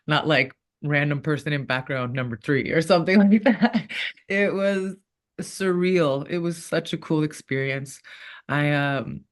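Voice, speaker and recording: A woman in her thirties, a former fighter turned actor, talking casually in an interview and rambling with frequent laughs. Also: low-pitched. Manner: chatty, rambling, laughs often.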